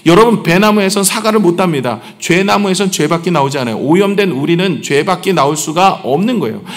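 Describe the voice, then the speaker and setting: A man's voice: sits high, lively intonation, a little fast. A middle-aged man, the senior pastor, preaching a sermon in a conversational way, asking the congregation questions and joking about himself. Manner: conversational preaching, asks the congregation questions, self-deprecating humor. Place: church sanctuary. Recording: long church hall reverb.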